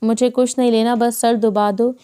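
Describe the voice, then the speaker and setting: A woman voicing a tired young husband who teases gently, in a smooth audiobook reading. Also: fairly high pitch, level tone, close to an everyday voice. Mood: weary. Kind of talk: audiobook dialogue.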